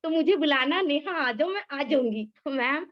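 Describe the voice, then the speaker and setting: A woman's voice: high voice, lively intonation, moderate pace, highs cut off. A woman eagerly sharing a personal story on a video call, talking nonstop and calling the host ma'am. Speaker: participant sharing her experience.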